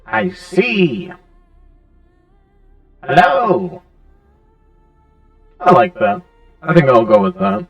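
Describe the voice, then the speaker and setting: A man's voice: sing-song, drawn-out words, gravelly, long pauses, smooth, dry recording, faint music behind. Man on a morphing voice changer. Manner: repeating short test words. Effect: voice changer shifting his pitch up and down. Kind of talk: casual chat while testing a voice changer.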